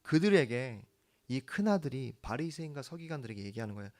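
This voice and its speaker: A man preaching a sermon as the church's pastor, earnest, swinging from hushed lines to emphatic ones. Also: mid-range voice, very animated, a little fast.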